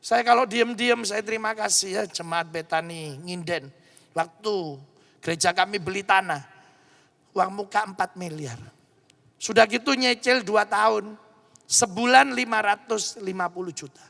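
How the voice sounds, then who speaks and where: A pastor with an East Javanese accent, preaching a sermon in animated storytelling fashion and acting out dialogue. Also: male voice, sits high, vocal fry.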